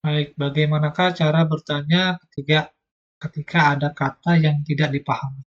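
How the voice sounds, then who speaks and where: A man's voice: fairly high pitch, little pitch movement, moderate pace, dull audio. A man teaching an online language lesson, explaining patiently step by step.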